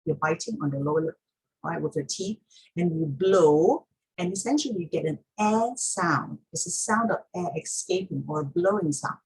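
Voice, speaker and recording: A woman's voice: lowish voice, normal speed, husky, rough recording. A woman teaching pronunciation step by step in an instructional talk, repeating key points for emphasis.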